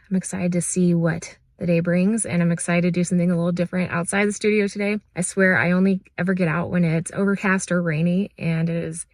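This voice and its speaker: A young Texas woman, a vlogger and maker, chats upbeat in a casual vlog, still a little hoarse after losing her voice to a cold, and uses lots of "like" and "uh." Her medium-pitched voice is recorded dry with music underneath, first inside her car and then out at estate sales.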